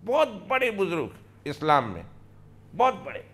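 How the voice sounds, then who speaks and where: A man's voice: sits high, huge pitch swings, moderate pace, a bit bright. A man, a religious scholar, giving a weekly religious lesson. He tells the story emphatically, repeats key phrases and acts out the quoted dialogue.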